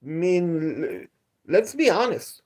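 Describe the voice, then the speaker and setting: A man's voice: high voice, big pitch swings, takes it slowly, a little mellow. A man hosting a live stream outdoors at night, talking in a repetitive, aggrieved, lecturing way. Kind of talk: casual live stream talk. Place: outdoors at night near a pool.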